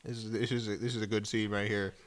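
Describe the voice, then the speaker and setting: A man's voice: lowish voice, little pitch movement, quick pace. A man casually commenting on a movie with a friend, amused and chuckling, often repeating words as he starts.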